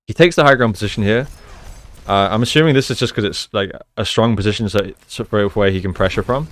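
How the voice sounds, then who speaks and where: At a quick pace and a lowish pitch, a man acting as gaming coach and analyst dissects every move in video game play. He's conversational and explanatory, regularly checking with "right?".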